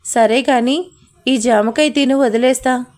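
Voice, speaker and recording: A man's voice: very high voice, measured pace, darkish tone. A woman voicing a playful, teasing young man who is in love, in a spoken Telugu family story. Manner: teasing, bantering.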